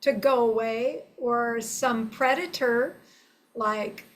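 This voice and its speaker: An older woman presenting a simple, friendly lesson for children in a deliberate way, with frequent pauses. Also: a little high. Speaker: presenter teaching bird calls.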